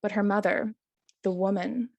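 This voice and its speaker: Woman, stand-up comedian, storytelling set, chatty, chuckling, lots of ums, mid pitch, dry close sound. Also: steady tone, normal speed, darkish tone, dry recording.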